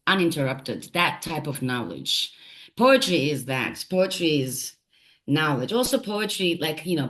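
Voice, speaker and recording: A woman from Turkey speaks in a low voice as an interview guest. She is thoughtful and unhurried, pausing, restarting and reaching for words as she reflects. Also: a bit bright. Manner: thoughtful, halting, with frequent fillers and restarts. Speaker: guest, poet and translator.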